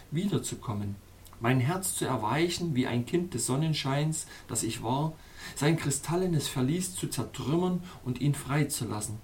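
A man reading a fairy-tale audiobook in the first person, in a measured, expressive way. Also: medium pitch, slight background noise. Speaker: narrator. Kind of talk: scripted audiobook narration.

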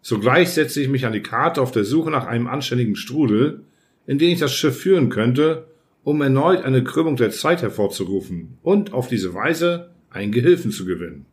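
A man narrating an audiobook in the first person, reading in a measured, even way. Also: medium pitch. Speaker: audiobook reader.

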